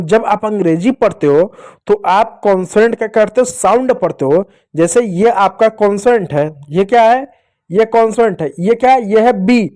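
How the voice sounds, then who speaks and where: A man's voice: high voice, darkish tone. A man teaching English phonics to children, patiently asking the class questions and answering them. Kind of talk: explaining to children.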